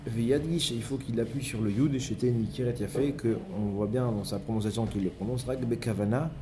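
A man's voice: mid-range voice, fairly even intonation, a little fast, background noise. A man teaching a Torah study lesson, explaining step by step and mixing in many Hebrew terms.

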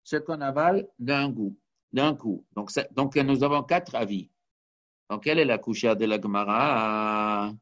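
A man's voice: mid-range voice, a little slow, fairly bright tone. A man teaching a Talmud study lesson, explaining step by step and weaving Hebrew and Aramaic terms into his talk. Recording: dull lo-fi recording.

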